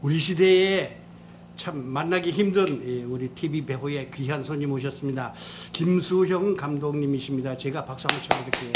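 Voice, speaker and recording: A man's voice: fairly high pitch, normal speed, a little hiss or hum. A man hosting an interview, effusive and deferential as he welcomes his guest. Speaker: host. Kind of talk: interview talk.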